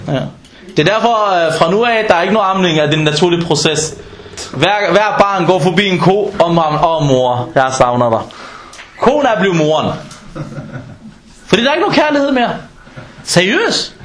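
High-voiced animated man preaching. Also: pauses often, echoey room. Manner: animated, acts out dialogues in quoted voices. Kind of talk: informal sermon.

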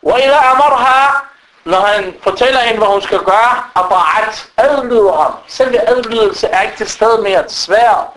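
High-voiced man preaching with Arabic recitations. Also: low-quality recording. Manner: animated, switches to recited Arabic quotations. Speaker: Islamic preacher. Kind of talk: sermon.

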